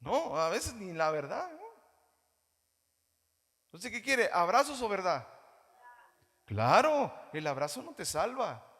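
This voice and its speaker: A man with a Guatemalan Spanish accent preaching a sermon as pastor, animated, mimicking churchgoers in mocking voices. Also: high voice, slow, long pauses. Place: church hall. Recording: reverberant church hall.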